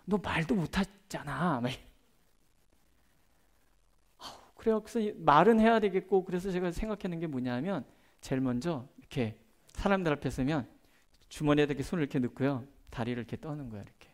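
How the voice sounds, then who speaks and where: Storytelling middle-aged Korean pastor preaching. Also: male voice, fairly high pitch, lively intonation, a little fast, long pauses. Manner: conversational, tells personal stories with gestures; swings between loud emphasis and soft, hushed asides. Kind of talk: Thursday prayer-meeting sermon.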